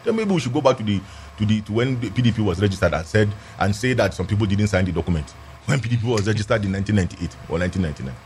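A man with a Nigerian accent argues a legal point in a discussion. His delivery is quick and very lively in pitch, emphatic and argumentative, with key phrases repeated for stress. There is faint noise in the background. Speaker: legal commentator, guest. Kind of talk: animated political and legal discussion.

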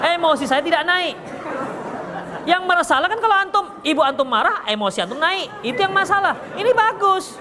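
A man's voice: very high voice, lively intonation, a little fast, a crowd in the background, background noise. A man giving a religious lesson and answering questions, teasing and chuckling often. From Medan, Indonesia. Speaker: Islamic preacher answering questions. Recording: echoey hall with faint ambience.

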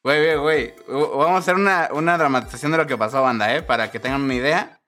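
A man's voice: mid-range voice, bright, forceful tone. A Mexican man co-hosting a podcast, cracking crude jokes in casual banter, with faint music underneath. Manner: joking, crude, quick reactions. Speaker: podcast co-host.

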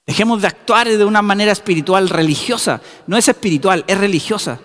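A man's voice: high voice, fast. Man preaching in a reverberant church. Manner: rising to emphatic shouted repetitions. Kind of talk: sermon.

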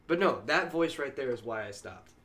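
A man's voice: mid-range voice, lively intonation, moderate pace, fairly bright tone. A man co-hosting a podcast, chatting casually with loose, crude, joking banter. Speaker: podcast co-host. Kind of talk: casual chat.

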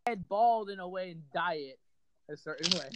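A young man talks bluntly over an online voice call, his pitch rising and falling a lot. He swears freely and keeps a loose, casual chat rhythm with his friends. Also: lively intonation, normal speed, a crowd in the background.

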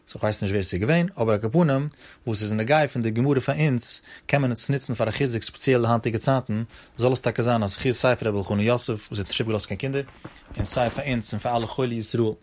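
A man with a Yiddish accent teaching a Talmud class, reading the text in a quick singsong study-hall chant and explaining it. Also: mid-range voice.

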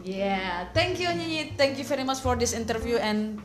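A woman podcast host asks questions in a conversational way. The room echoes clearly around her, with faint music behind. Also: on the high side, expressive, moderate pace. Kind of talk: conversational interview.

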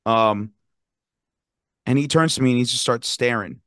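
Young man, smooth casual sports talk. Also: medium pitch, normal speed, no room sound, studio quality. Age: young adult. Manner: animated storytelling, rowdy student fan. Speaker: podcast co-host.

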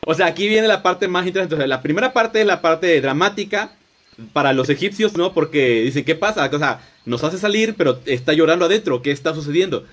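A man's voice: a little high, animated, a little fast, a bit bright. A man retelling a Bible story in a loose, conversational sermon, often restarting and rephrasing as he goes. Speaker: preacher. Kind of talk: informal Bible teaching.

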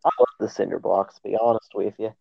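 A man co-hosting a podcast in casual chat, an eager fan with quick reactions. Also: fairly low pitch, fairly even intonation, creaky, slightly rough, no room sound. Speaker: podcast co-host. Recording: tinny phone-like line.

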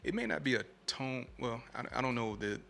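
A man talking reflectively and casually in a soft-spoken way. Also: medium pitch, animated, brisk, creaky, slight background noise.

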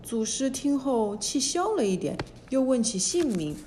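Slow, sing-song woman storyteller. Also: high voice, sing-song, mellow, slight background noise. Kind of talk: children's story narration.

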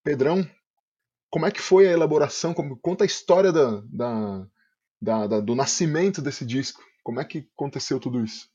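A man's voice: mid-range voice, lively intonation, brisk, warm tone, breathy edge, dull audio. A man with a Brazilian Portuguese accent hosting a casual podcast interview in an effusive, slangy, hyperbolic way. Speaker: podcast host.

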